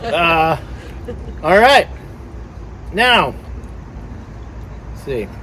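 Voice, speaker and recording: A man with a notably high voice reads a solemn boat renaming ceremony to his friends, joking between lines and tripping over the formal words. He is recorded outdoors at a marina. Loud traffic and engine noise run underneath him. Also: big pitch swings, extremely slow, rough recording. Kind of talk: casual talk to friends, reading a ceremony aloud.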